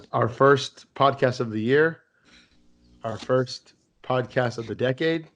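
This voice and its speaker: Relaxed, rambling male podcast host. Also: medium pitch, slow. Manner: relaxed, rambling with fillers and restarts. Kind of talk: casual podcast chat.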